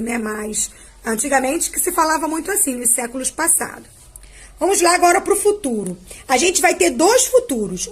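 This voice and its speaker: A Brazilian woman teaching a grammar lesson to children, drawing out verb forms patiently and checking in with a quick "tá?". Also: sits high. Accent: Brazilian Portuguese. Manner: ends phrases with a checking "tá?". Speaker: primary school teacher.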